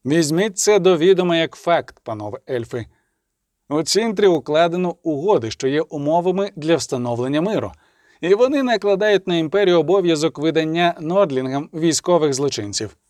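A man voicing a stern imperial official who speaks in a measured, commanding way, in an audiobook. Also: a little high, animated, darkish tone, dry recording, lightly acted. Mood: cold. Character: stern imperial male official, calm and unyielding.

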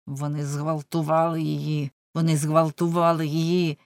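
A woman reading an audiobook voices a furious young man who shouts and threatens, defiant. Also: low voice, little pitch movement, normal speed, dry recording, studio quality, voice pushed down. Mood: enraged.

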